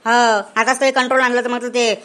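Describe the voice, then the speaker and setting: A woman's voice: fairly high pitch, flat delivery, quick pace, a bit bright, natural voice. A woman voicing a broke, grumbling village farmer in a cartoon, with a Vidarbha Marathi accent. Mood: puzzled. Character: puzzled broke village farmer Devlal, male. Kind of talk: cartoon comedy voice acting.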